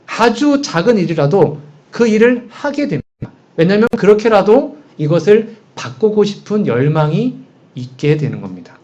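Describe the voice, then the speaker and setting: A man's voice: high-pitched, very animated, moderate pace, dark tone. A man preaching a sermon in a conversational way, posing frequent rhetorical questions to the congregation. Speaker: pastor. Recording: dull, muffled sound.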